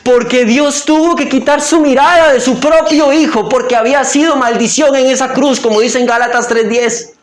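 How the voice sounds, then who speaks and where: A male pastor giving an impassioned sermon, stressing phrases slowly and emphatically. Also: extremely high pitch, fairly even intonation, echoey room. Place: church.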